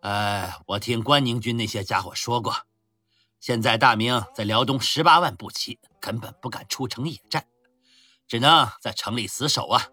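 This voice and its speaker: A man voicing a boastful, hard-drinking Ming army general who talks loudly and scornfully. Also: mid-range voice, normal speed, slightly rough, no echo, faint music behind. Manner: loud, swaggering, scornful.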